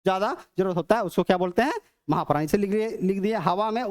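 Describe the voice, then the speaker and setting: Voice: mid-range voice, a little mellow. Teacher sounding out letters. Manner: repeats, asks and answers own questions; sounds out letters slowly and drawn out. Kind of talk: demo class on phonetics.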